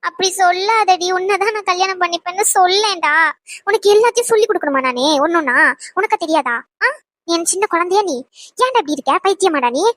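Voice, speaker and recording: A woman's voice: extremely high pitch, brisk, no room sound, clean studio sound. A woman voicing a bossy, exasperated young woman who keeps scolding her boyfriend with nagging sighs and exclamations in a cartoon. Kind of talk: cartoon voice acting.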